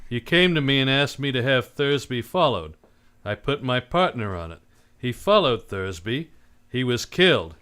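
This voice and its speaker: Hardboiled detective guy, played by a man, terse n unsentimental, medium pitch, old radio drama style. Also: big pitch swings, normal speed, fairly bright tone, clean tone. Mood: hard, accusing. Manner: terse, blunt, slangy tough-guy delivery. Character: hard-boiled male private detective, cynical, unsentimental. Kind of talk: live old-time radio drama acting.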